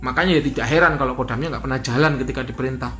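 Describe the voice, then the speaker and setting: A man's voice: mid-range voice, rapid-fire, a bit bright, faint music behind. A man giving an instructional talk as a spiritual teacher, repeating key points and asking rhetorical questions.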